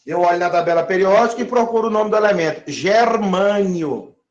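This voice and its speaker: Racing along in a high-pitched voice, a chemistry teacher draws out words and keeps asking whether his class follows. The lesson was captured lo-fi in an echoey room.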